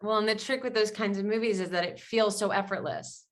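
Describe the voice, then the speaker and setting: A woman's voice: medium pitch, steady tone, a little fast. A woman moderating a panel over a video call, enthusiastic and gushing, with lots of filler words in casual conversation.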